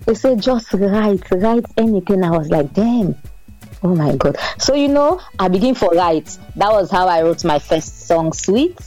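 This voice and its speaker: Woman, low voice, relaxed storyteller, faint music behind. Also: normal speed, low-quality recording. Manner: relaxed, storytelling, mixes Pidgin into English. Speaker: singer and interview guest. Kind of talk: casual interview chat.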